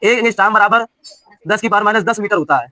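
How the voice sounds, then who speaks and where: High-pitched man dictating lesson notes. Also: fast, sharp tone, dry recording. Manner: dictating, repeats each phrase for note-taking; checks understanding with repeated questions. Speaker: physics teacher for railway exam prep. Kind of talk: classroom lecture, dictating notes.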